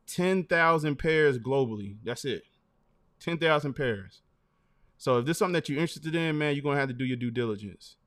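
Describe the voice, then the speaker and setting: A man's voice: mid-range voice, no room sound. Laid-back slangy man, dry sound. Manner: laughs a lot, relaxed slangy banter. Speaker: host. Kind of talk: casual sneaker-news chat.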